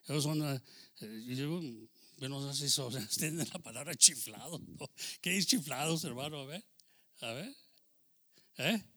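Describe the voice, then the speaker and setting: A man's voice: medium pitch, lively intonation, measured pace, long pauses, pushed and bright. A man preaching a sermon, calling out to his listeners as brother and punctuating with praise, slipping into English phrases now and then. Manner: preaching with rising fervor, calling out "hermano" and "aleluya"; code-switches into English phrases.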